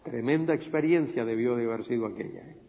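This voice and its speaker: A man's voice: medium pitch, quick pace, vocal fry. A man teaching a Bible study in sermon style, retelling scenes and acting out the quoted speech in a raised voice, repeating phrases and asking his listeners rhetorical questions. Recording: dull lo-fi sound with a long echo in a large hall.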